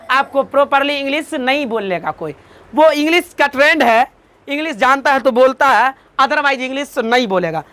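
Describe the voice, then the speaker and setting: A man's voice: very high voice, bright, forceful tone. A man teaching a class, drilling lists by call-and-response and joking with students. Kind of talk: classroom lecture with memory tricks.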